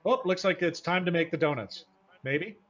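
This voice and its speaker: A man's voice: a little high, moderate pace, a bit bright. A man hosting a live sim racing broadcast and commentating in an informal, folksy, enthusiastic way. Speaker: race broadcast host and commentator. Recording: dull lo-fi broadcast audio.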